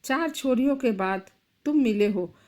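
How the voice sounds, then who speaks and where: A woman's voice: on the high side, expressive, unhurried, darkish tone. A woman voicing a remorseful old grandmother in a storybook who is obsessed with having a grandson. She speaks in a rustic, pleading way. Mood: doting. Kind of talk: storybook character voice.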